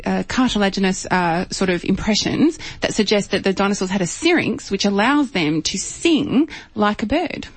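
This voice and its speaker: A woman co-hosting a science radio show, explaining things casually with a halting delivery. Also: mid-range voice, dry recording. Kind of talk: casual live radio chat.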